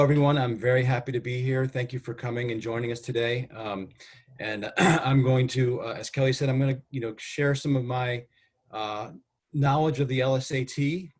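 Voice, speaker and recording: A middle-aged man from Connecticut whose first language was Spanish, presenting a webinar as a guest expert in a friendly, conversational way with many fillers and some throat clearing. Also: medium pitch, fairly even intonation, moderate pace. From Connecticut, US, of Cuban parents. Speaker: test director and guest presenter.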